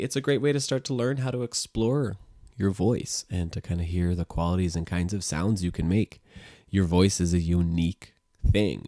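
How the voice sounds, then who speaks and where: Deep-voiced man calmly teaching sound healing. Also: dry recording, clean studio sound. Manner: calm, gentle explaining with frequent "you know" and "um". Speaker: music teacher and sound therapist. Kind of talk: guided sound-healing lesson.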